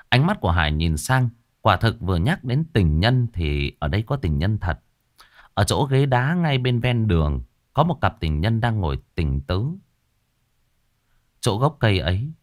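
A man narrating a ghost story in a lively, expressive storytelling manner. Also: lowish voice, dry recording, clean studio sound.

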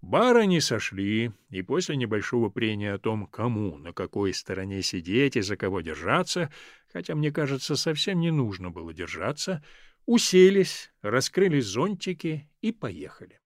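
A man reading a literary story aloud as an audiobook narrator, in an expressive storytelling manner. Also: on the low side, normal speed, no room sound, clean studio sound.

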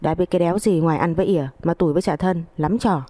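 A foul-mouthed, spiteful older village mother-in-law, as a woman narrator puts her on, who spits out coarse insults and belittling tirades. The voice sits low and dark. It is a story reading in a dry, close setting. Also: racing, no room sound, lightly acted. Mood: abusive scolding.

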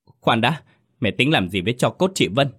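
A man voicing a frightened teenage girl who turns grieving and defiant in a ghost story reading, shrill and tearful. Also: animated, normal speed, a bit bright, husky.

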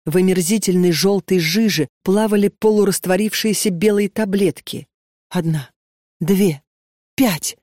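Female audiobook narrator, measured reading, dry close sound. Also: medium pitch, dark tone, dry recording. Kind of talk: scripted narration.

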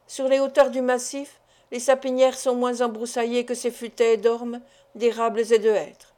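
A woman's voice: on the high side, flat delivery, moderate pace, warm tone, close to an everyday voice. Determined young forester, curt and firm, read by a woman. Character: brisk, stubborn young male forester.

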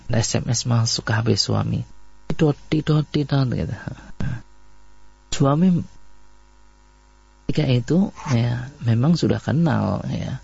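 A man with an Indonesian accent preaching a sermon on marriage, telling stories in a repetitive, lively way. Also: medium pitch, vocal fry, husky, no echo. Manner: repetitive, animated storytelling with acted quotes. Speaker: Islamic preacher. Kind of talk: radio-style sermon on marriage. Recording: dull lo-fi voice recording.

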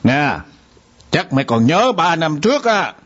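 A man's voice: on the high side, very animated, measured pace, a bit bright, full character voice. An actor playing a domineering middle-aged father in a radio drama, scolding harshly. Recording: dull lo-fi radio drama recording.

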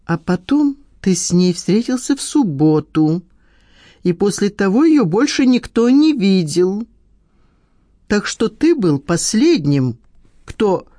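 An audiobook reader voicing a stern, sharp-tongued woman questioning a man. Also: medium pitch, sing-song, takes it slowly, no room sound, clean studio sound, pitched above the performer's own voice. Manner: stern, pressing, irritated. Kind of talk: audiobook dialogue.

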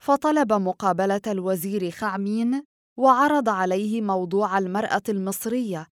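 A woman reading a novel aloud as an audiobook narrator, with steady storytelling. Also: mid-range voice, normal speed, no echo, studio quality. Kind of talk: scripted narration.

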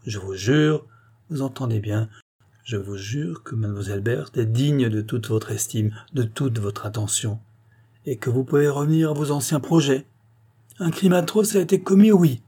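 A man voicing a sharp, cunning young male detective who speaks in an insistent, probing way. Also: mid-range voice, expressive, normal speed, breathy edge. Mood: earnest.

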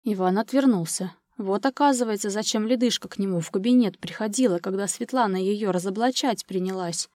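Reading an audiobook script, a woman of medium pitch keeps her storytelling calm and measured. The sound is clean studio audio with no room sound.

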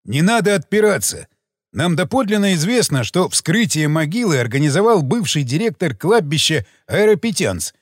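A man reading an audiobook, voicing a deliberate male detective who speaks slowly, measured and knowing. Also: a little high, big pitch swings, dry recording, studio quality.

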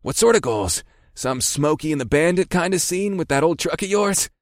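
A man's voice: fairly high pitch, lively intonation, normal speed, no room sound, studio quality, pitched above the performer's own voice, lightly acted. A man voicing a sly, teasing male friend who talks lazily and with a smirk.

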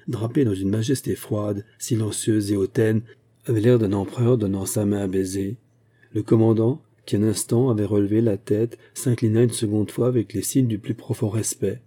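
A male audiobook narrator reads a classic novel in a steady, measured way. His voice is low and very dark, with a husky, slightly rough texture. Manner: measured, even storytelling.

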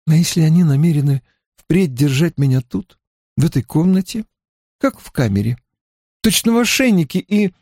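A man's voice: a little high, animated, normal speed, a little mellow, breathy edge, dry recording, clean studio sound, voice pushed up. A man voicing an anxious young novice girl.

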